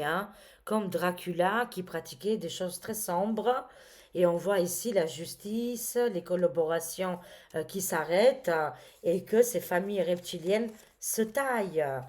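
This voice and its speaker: A woman's voice: fairly low pitch, darkish tone. A woman reading tarot cards to her viewers, talking casually and dramatically with many exclamations and fillers. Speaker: tarot reader.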